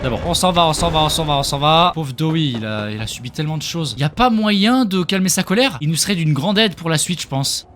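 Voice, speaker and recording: Excitable man narrating his gameplay. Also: fairly high pitch, fast talker, few pauses, a little hiss or hum. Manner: excitable, swearing, yelping reactions. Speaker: gaming video host. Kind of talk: let's play commentary. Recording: gameplay audio with loud music behind.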